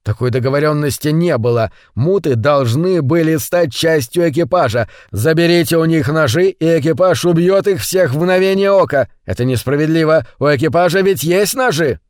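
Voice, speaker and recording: A man voicing a gruff two-headed male mutant who growls out aggrieved complaints. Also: a little high, normal speed, few pauses, a little mellow, no room sound, studio quality, lightly acted.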